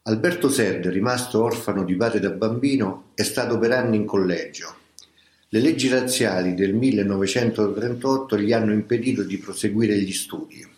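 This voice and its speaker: A man reading a memoir aloud as scripted audiobook narration, in a slow, grave, measured way. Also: on the low side, a little mellow. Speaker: reader of a memoir. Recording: roomy echo.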